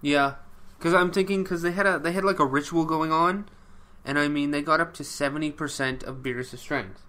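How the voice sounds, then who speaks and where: Bright-voiced man giving blunt opinions. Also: a little high, fairly quick. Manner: blunt opinions, dry short replies. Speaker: podcast co-host. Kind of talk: casual chat.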